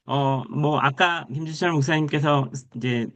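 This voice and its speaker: A man's voice: a little high, measured pace. A man, the guest author, speaking politely on a video call before his presentation. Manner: polite, brief acknowledgments. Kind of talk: online book talk presentation.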